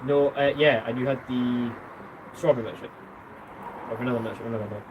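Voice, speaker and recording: A man chats casually on a live stream outdoors, teasing his friend and eagerly recalling details. His voice sits at an ordinary pitch. Steady outdoor noise runs under the talk. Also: fairly quick, narrow, tinny audio. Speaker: co-host of a travel live stream.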